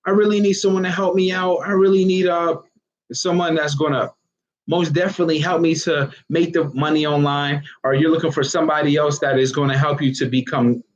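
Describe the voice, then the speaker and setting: A man giving a casual, rambling motivational talk as an online fitness marketer, often asking "you know what I mean?". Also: a little high. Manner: animated, breaks into laughs. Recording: dull lo-fi recording.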